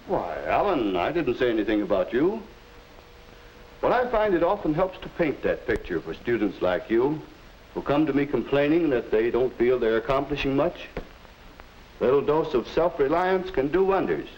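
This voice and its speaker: Animated 1950s narrator actor as schoolteacher. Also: male voice, mid-range voice, natural voice, poor audio. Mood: patient, instructive. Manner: didactic, measured 1950s narrator delivery. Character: kindly, instructive male schoolteacher in a 1950s film. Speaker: teacher advising a student. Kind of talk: 1950s educational film narration and acting. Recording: hissy old 1950s film soundtrack.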